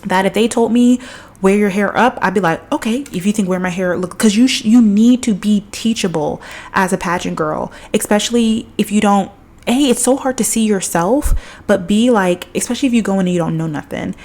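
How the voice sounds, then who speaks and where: Speaking fairly quickly in a mid-range, darkish voice, a young woman recounts a personal story on her solo podcast. Her delivery is casual and reflective, heavily peppered with "like."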